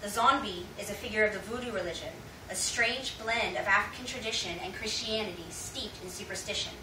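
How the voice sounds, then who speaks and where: Recorded far from the mic, an American woman speaks fairly quickly in a mid-range voice. She is giving a prepared informative address to an audience indoors, formal and rhetorical in manner, amid echo and loud noise.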